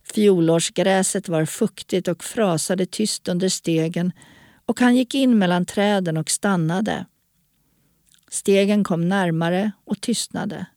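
Calm woman narrating a story. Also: on the low side, no echo, clean studio sound. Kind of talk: audiobook narration.

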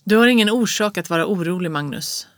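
A reader doing a self-assured doctor, brisk and soothing, sure of his diagnosis. Mid-pitched voice, dry and close like a studio audiobook. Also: animated, a bit bright, dry recording, lightly acted. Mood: reassuring. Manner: brisk, reassuring. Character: confident male doctor, brisk and reassuring. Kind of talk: audiobook reading of classic prose.

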